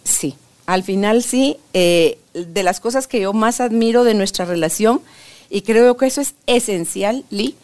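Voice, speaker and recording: An older woman in a casual interview, sharing relationship advice with her granddaughter in an emphatic, animated storytelling manner. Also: mid-range voice, smooth.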